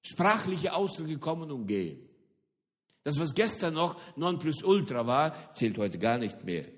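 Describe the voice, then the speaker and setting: Speaking in a higher register at a measured pace, a middle-aged man originally from the former Soviet Union gives an animated, lecture-like sermon on church mission. He often pauses hesitantly and repeats words to stress them, with long reverb from the hall around him.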